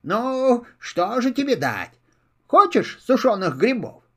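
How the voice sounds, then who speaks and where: An older man voicing a busy, bossy female squirrel with a sharp, scolding manner. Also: very high voice, sing-song, takes it slowly, voice pushed up, heavily acted. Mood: surprised.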